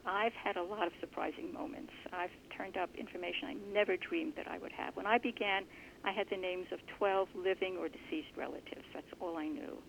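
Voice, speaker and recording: A woman guest in an interview, explaining her family research earnestly and thoughtfully, with a gravelly voice. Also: on the low side, steady tone, a little fast, slight background noise. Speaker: genealogist guest. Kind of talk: conversational interview answers. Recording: muffled lo-fi recording.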